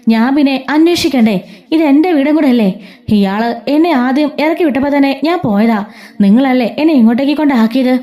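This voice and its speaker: A woman's voice: high-pitched, a little fast, mellow, lightly acted. A woman voicing a bitter, scheming middle-aged woman who makes angry, indignant accusations.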